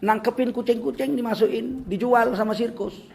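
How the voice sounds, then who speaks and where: An older male preacher with a Medan accent gives a humorous talk to his listeners. His voice sits high for a man, and he jokes and acts out the people he quotes. Faint ambience hums under the recording. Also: steady tone, moderate pace, vocal fry, darkish tone, slight background noise. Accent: Medan Indonesian. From Medan, North Sumatra, Indonesia.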